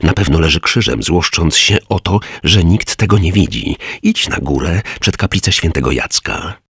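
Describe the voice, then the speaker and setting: A man's voice: sits low, animated, normal speed, fairly bright tone, slightly rough, dry recording, clean studio sound, exaggerated voice. A man voicing a shrewd, sly old beggar who sits on the steps of a church, in a spoken storybook.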